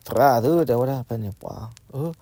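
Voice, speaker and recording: A man telling a folk story in an unhurried, conversational way. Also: warm tone, no room sound.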